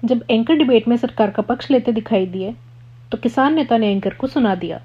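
A woman narrates a news compilation in a scripted, formal voice-over. Her voice is slightly breathy. The recording is muffled and lacks top end. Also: fairly high pitch, brisk. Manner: even, formal read-out delivery.

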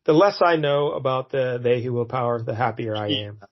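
A mid-range male voice, fairly quick, with the high frequencies cut off in the recording. He's a podcast co-host rambling casually about a comic book, using lots of fillers and chuckling as he goes.

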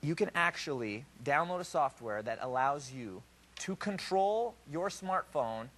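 A young man with a fairly high voice, talking like a home shopping host. His delivery is chatty and animated, wandering off into rambling asides in a TV studio. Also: unhurried. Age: young adult. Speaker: product presenter on a home shopping show. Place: television studio set.

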